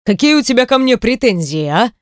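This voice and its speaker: A woman reading an audiobook voices a stern, proud middle-aged man, gruff and curt. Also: on the high side, very animated, brisk, no echo, studio quality, pitched above the performer's own voice. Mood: angry.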